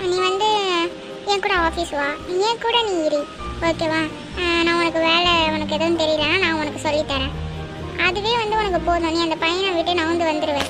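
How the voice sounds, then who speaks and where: A bossy young cartoon woman, voiced by a woman who lectures firmly. Her voice sits very high. Music runs clearly underneath. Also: normal speed. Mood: lecturing. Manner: scolding, firm, instructive. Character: bossy young woman friend, firm adviser. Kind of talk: cartoon voice acting.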